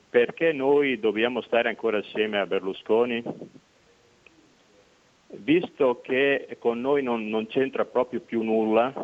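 A man calling in to a radio show over the phone, making his case insistently and repeating his points. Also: medium pitch. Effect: voice heard over a phone line. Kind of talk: call-in political opinion. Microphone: telephone. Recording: tinny phone line.

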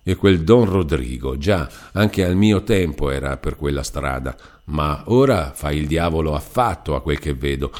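A man's voice: rumbling low, a little mellow, exaggerated voice. A man voicing a chatty, good-natured cousin. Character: warm-hearted talkative male cousin, a mill foreman. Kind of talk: audiobook character voice.

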